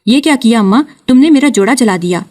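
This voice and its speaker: A woman voicing a spiteful, hot-tempered young daughter-in-law with a shrill, accusing way of talking. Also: animated, darkish tone. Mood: angry.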